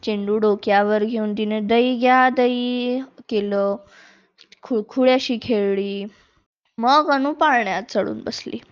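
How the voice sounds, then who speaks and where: A woman storyteller reading a children's storybook aloud in an expressive way. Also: mid-range voice, a little slow, no room sound. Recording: dull lo-fi recording.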